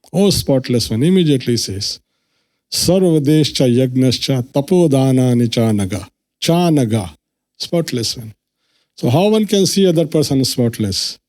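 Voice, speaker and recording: A man's voice: mid-range voice, warm tone. A man giving an earnest devotional lecture at a temple, explaining scripture and acting out quoted lines. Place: temple hall.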